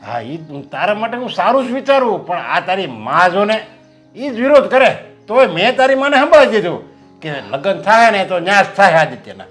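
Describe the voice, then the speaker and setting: A man's voice: sits high, sing-song, normal speed, fairly bright tone, soft background music. A stubborn lecturing father. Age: middle-aged. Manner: firm, lecturing, proverb-like reasoning. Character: stubborn traditional father arranging son's marriage.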